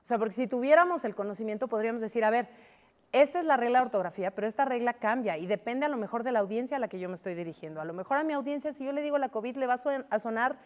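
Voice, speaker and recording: A Mexican woman in her forties speaks with a fairly high, animated voice, throwing out rhetorical questions as she makes her case. Her words ring with a long reverb, as if she were in a large, echoing studio. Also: racing, few pauses. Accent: Mexican Spanish. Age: 40s. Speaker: guest. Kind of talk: studio debate chat.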